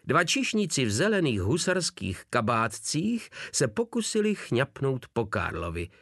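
A man narrating an audiobook in a vivid, lively storytelling style. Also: mid-range voice, vocal fry, no room sound, clean studio sound.

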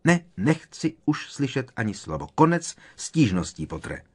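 A man voicing a strict older female professor who scolds in a clipped, sharp way. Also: medium pitch, very animated, slightly rough, pitched above the performer's own voice. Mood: stern.

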